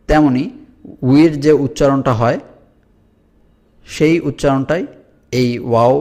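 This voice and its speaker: A man teaching Quran reading, drilling each Arabic letter with its vowel sign, slowly and deliberately. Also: mid-range voice, mellow. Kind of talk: letter-by-letter recitation lesson.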